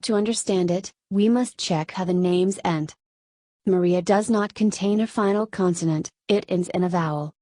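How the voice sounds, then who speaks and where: A Spanish woman, a native Spanish speaker, explaining Korean grammar in English with a Spanish accent, in steady step-by-step scripted narration. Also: lowish voice, normal speed, no echo. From Spain. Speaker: Korean language teacher.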